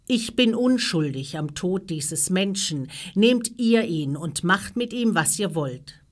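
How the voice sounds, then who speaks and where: A man's voice: high voice, moderate pace, lightly acted. Pilate, a stern Roman governor, voiced by a woman narrator. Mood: questioning. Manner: questioning, commanding.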